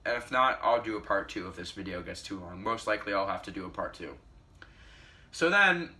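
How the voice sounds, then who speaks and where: A man's voice: mid-range voice, sharp tone. A teenage boy telling a storytime vlog, rambling with many restarts and self-corrections. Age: teens. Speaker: vlogger.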